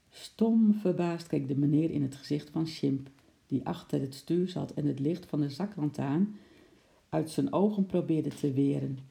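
A storyteller reading a children's story aloud in a calm, even manner. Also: medium pitch, unhurried, creaky.

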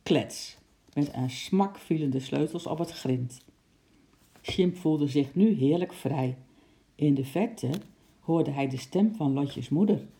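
A narrator reading a children's book aloud in a calm, measured way. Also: mid-range voice.

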